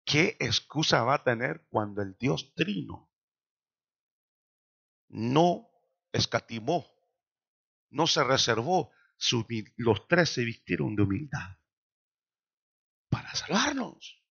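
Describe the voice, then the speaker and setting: A man preaching a sermon in a church, slowing down dramatically for quoted lines. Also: mid-range voice, animated, vocal fry, a bit bright, breathy edge, highs cut off. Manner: dramatic preaching with slow emphatic quotations. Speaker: pastor.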